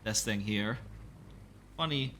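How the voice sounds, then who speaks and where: A man's voice: lowish voice, slow pace, noisy background. A man giving casual game commentary as a gaming video host, musing tentatively with wry asides into a close mic. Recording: game music under the voice.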